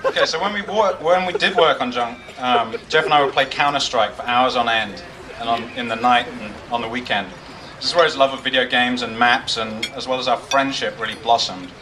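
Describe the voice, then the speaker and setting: Distant, low-voiced man giving wedding toast speech. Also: brisk, few pauses. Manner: jokey, dry self-deprecating humor. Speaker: best man. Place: wedding reception with guests. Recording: distant mic in noisy crowded room. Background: crowd noise and guests.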